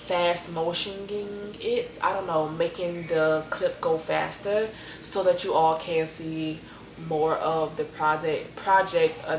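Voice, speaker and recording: A deep-voiced woman vlogs casually at home to camera, recorded on a camera mic with a roomy sound and a little hiss or hum. Her nose is a bit stuffy as she rambles with lots of "like" and calls her viewers y'all.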